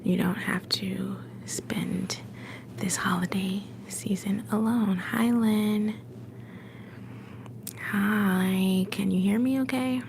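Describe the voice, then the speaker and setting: A woman hosting a whispered ASMR livestream from home. She drifts between a soft whisper and a soft-spoken voice, gently greeting chat viewers into a phone set a little way off. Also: mid-range voice, steady tone, slow pace, creaky, background noise. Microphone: phone set some distance away.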